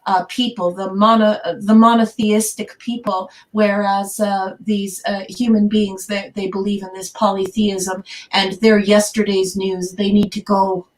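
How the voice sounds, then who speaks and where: A woman's voice: medium pitch, flat delivery, unhurried, few pauses, darkish tone. A woman on a podcast panel, speaking in an effusive, playful casual chat with many restarts.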